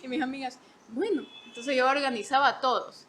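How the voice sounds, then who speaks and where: A woman in her twenties, a podcast guest, telling stories in an animated way, laughing often and acting out quotes. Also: high voice, fast talker, a crowd in the background. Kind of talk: casual storytelling.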